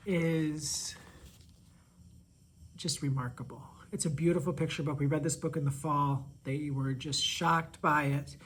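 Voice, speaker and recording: A man teacher talking casually and enthusiastically about favorite picture books, gushing with praise and sometimes dropping to a soft near-whisper. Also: high-pitched, slightly rough, poor audio. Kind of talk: casual book recommendation video.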